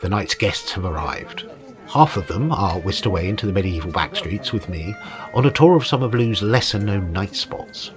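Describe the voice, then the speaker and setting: A man's voice: lowish voice, expressive, moderate pace, music in the background. A man giving scripted narration as a host, in a descriptive storytelling way. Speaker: narrator and ghost-hunt host.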